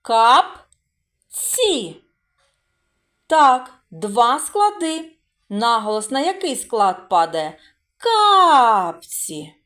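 A woman teaching a remote literacy lesson to young children, sounding out syllables slowly and praising them as they go. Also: on the high side, very animated. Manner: slow, drawn-out sounding out of syllables; praising and encouraging. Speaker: preschool teacher.

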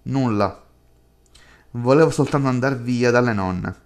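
A man reading the lines of a lonely, withdrawn young woman in a chat horror game, in a slow, flat, subdued way. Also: mid-range voice, close to an everyday voice.

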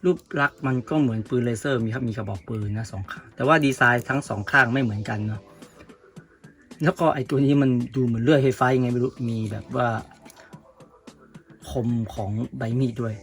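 Man, toy review host, relaxed chatty delivery, faint music behind. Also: medium pitch, brisk. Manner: relaxed, chatty, polite particles. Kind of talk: casual toy review vlog.

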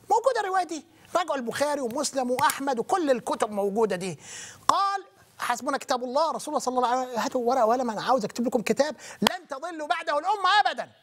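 An Egyptian man hosts a call-in religious talk show and fires his words off at speed. He stays loud and agitated, and his voice swings widely in pitch. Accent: Egyptian Arabic. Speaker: talk show host taking calls.

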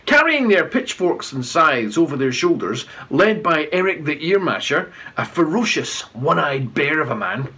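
Husky man reading a children's story. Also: on the high side, a bit bright. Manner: dramatic, drawn-out storytelling with playful emphasis. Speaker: children's author reading aloud.

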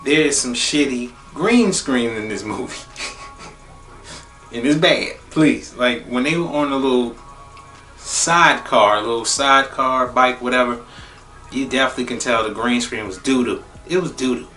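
A young man giving a casual spoiler movie review, profane and blunt, repeating phrases for emphasis and jumping into high exclaims. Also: normal speed, distant mic. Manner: animated, jumps into high exclaims. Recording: roomy echo, a bit off-mic, faint music behind.

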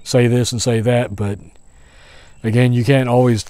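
A man in his forties walking outdoors through woods, thinking out loud in a hesitant commentary with many restarts, recorded on a phone held at arm's length. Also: medium pitch, fairly even intonation, normal speed, clean tone, no room sound. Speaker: vlogger. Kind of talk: walk-and-talk commentary.

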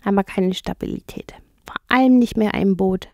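A woman voicing a gruff, sociable male otter in a children's audiobook. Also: mid-range voice, normal speed, dark tone, no echo, studio quality, lightly acted. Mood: dry.

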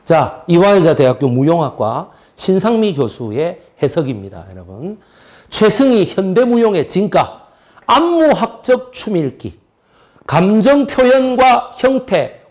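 Animated male history lecturer. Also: high voice, a little slow. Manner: lively, asks and answers his own questions.

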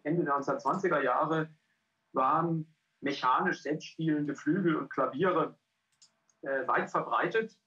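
A middle-aged man presenting a research project over a video call, halting and full of filler sounds. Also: fairly high pitch, sharp tone. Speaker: cultural scientist and pianist presenting a research project. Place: indoor room. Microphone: headset on a video call. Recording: dull lo-fi call audio.

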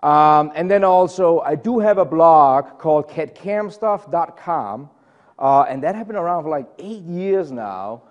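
A man's voice: on the high side, lively intonation, measured pace, highs cut off. Danish guy presenting at a conference, loose and chatty, lots of ums, echoey hall sound. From Denmark. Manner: casual, chatty, many fillers and self-deprecating asides. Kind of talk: live technical presentation. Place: conference room.

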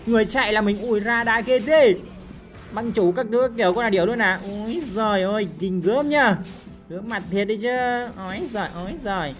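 A woman commentating on her own gameplay, excitable and full of loud, repeated exclamations. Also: medium pitch, a little fast. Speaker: game streamer. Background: game music and sound effects.

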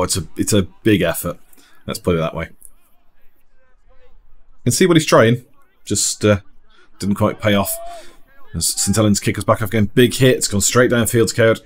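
Guy doing chill football commentary, lowish voice, chuckles a lot. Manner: relaxed, chatty, laughs often. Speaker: match commentator. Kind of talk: sports commentary voice-over.

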